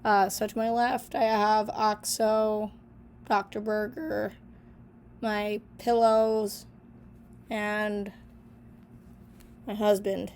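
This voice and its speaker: A woman's voice: medium pitch, flat delivery, drawn-out words, long pauses, darkish tone, a little hiss or hum. A young woman vlogger with a sick, stuffy voice, chatting casually as she reads old journal answers aloud and comments on each one with lots of fillers. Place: small bedroom in an apartment.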